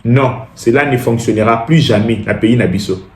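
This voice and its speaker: A man's voice: mid-range voice, normal speed, echoey room. A Congolese man commenting emphatically, repeating phrases and switching between languages. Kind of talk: impassioned spoken commentary.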